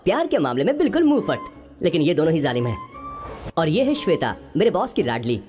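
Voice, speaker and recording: A man's voice: fairly high pitch, very animated, fairly quick, a little mellow, soft background music. A man playing a bumbling male assistant who narrates his boss's life in a chatty, comic film dub. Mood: narrating.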